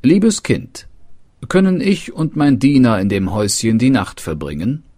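A man's voice: mid-range voice, wildly swooping pitch, a little slow, dark tone, pitched above the performer's own voice. A man voicing a polite young prince in a storybook reading, speaking up in a raised, earnest and courteous voice.

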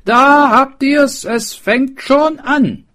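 A man voicing a worried, fussy village schoolmaster who speaks slowly and with a raised voice. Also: on the high side, very animated, gravelly, husky, pitched above the performer's own voice, full character voice. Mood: irritated.

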